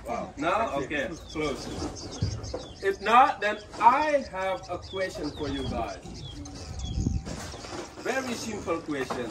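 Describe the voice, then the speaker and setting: Slow and frequently pausing, his high, sing-song voice carries an Indonesian accent as he guides tourists around a pottery village outdoors. He explains how the pottery is made in a casual manner, with jokes and apologies along the way. The faraway camera captures rooster noise and the surrounding village atmosphere.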